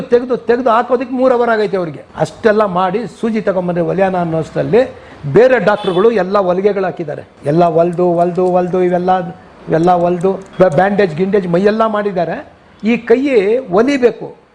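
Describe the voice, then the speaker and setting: An older man with a Kannada accent recounts his past as a retired police officer. His voice sits high and has a gravelly edge. He tells it vividly, acting out the lines he quotes. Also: darkish tone. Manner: vivid retelling, switches into English quotes. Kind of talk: interview storytelling.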